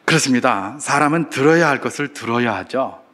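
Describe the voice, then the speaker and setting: A man preaching a sermon, posing rhetorical questions and acting out shouting crowds. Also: mid-range voice, lively intonation, fairly quick. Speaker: pastor.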